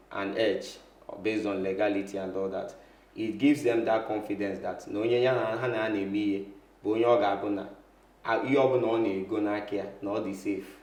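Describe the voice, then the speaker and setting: A Nigerian man with an Igbo accent speaks in a fairly low voice, explaining conversationally as an interview guest. He moves back and forth between Igbo and English. The room adds a noticeable echo. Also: steady tone, moderate pace, darkish tone. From south-eastern Nigeria. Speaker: interview guest, real estate lawyer. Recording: echoey room.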